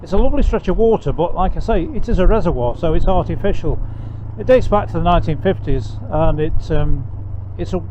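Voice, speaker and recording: A man gives casual, chatty, unhurried travel commentary like a tour guide while riding a motorcycle, his voice enclosed in a helmet. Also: high voice, animated, warm tone. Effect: muffled inside a motorcycle helmet. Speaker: motorcycle vlogger giving a ride tour. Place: outdoors, riding a motorcycle on country roads. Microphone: microphone inside a helmet. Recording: dull helmet-mic sound with engine and wind noise. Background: motorcycle engine and road noise.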